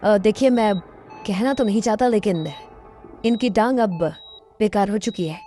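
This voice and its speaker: Woman as a grave formal male doctor, hesitant, unhurried, cartoon story. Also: medium pitch, mellow, soft background music, close to an everyday voice. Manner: hesitant, formal delivery of bad news.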